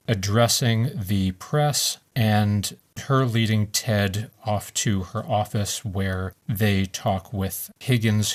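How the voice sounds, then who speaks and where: A man co-hosting a podcast, explaining screenwriting theory in a measured, lecturing way. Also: lowish voice. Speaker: podcast co-host. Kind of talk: explaining screenwriting, reading script scenes.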